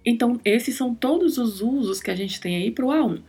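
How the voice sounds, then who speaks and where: A woman's voice: fairly high pitch, expressive, normal speed, dark tone, slightly rough, faint music behind. A woman hosting a podcast, teaching Spanish in a careful, scripted lesson and spelling out words and sounds. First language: Portuguese.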